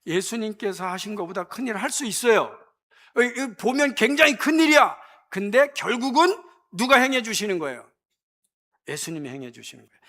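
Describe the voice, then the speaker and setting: A man preaching a sermon in church as pastor, switching between quiet talk and impassioned exhortation. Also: extremely high pitch. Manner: impassioned preaching, mimics voices.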